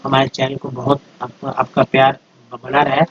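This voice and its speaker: A man's voice: mid-range voice, monotone, moderate pace, highs cut off, a little hiss or hum. A man giving a patient, step-by-step pronunciation lesson over slides, going through example after example. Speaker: English teacher.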